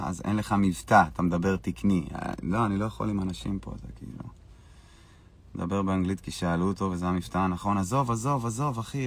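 A man's voice: low voice, vocal fry. A man hosting a live stream, casually answering viewers' questions in a brash, boastful and dismissive way.

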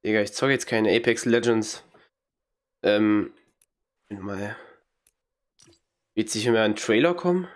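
His voice sits lowish and moves a little slowly, with long pauses. A young man with a cold, he streams a video game from a small room at home over a headset, delivering blunt, slangy, casual remarks and mocking reactions between occasional coughs.

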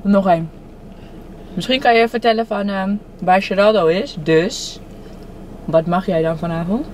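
A woman's voice: medium pitch, normal speed. A young woman chatting casually with a child, chewing and eating as she talks. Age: young adult. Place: inside a parked car. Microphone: camera on the dashboard. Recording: clear background noise inside car.

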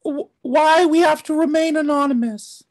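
A woman playing a puzzled, hesitant parent in improvised puppet comedy, asking halting questions. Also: high voice, a little mellow, natural voice. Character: puzzled, hesitant female parent at support meeting.

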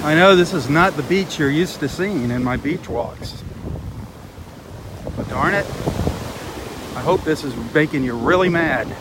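A man hosting a live beach walk speaks in a fairly high voice, a little slowly and with long pauses, his tone earnest and dismayed. He's outdoors on a windy shore by the surf, and wind and crashing waves hit the mic.

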